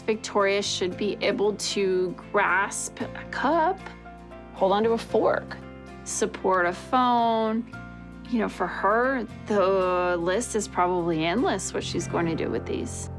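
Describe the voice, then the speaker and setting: A woman's voice: mid-range voice, slow, music in the background. A woman in her forties, a prosthetics specialist, speaking directly and with easy jokes while narrating and consulting a patient. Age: 40s. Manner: friendly, direct, joking. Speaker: anaplastologist. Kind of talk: reality show narration and consultation.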